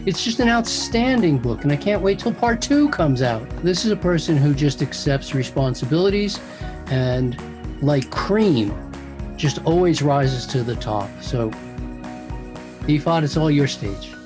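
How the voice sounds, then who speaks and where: A man introducing his former student with warm praise. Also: a little high, animated, measured pace, over music. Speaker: mentor and show host. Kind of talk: introduction speech.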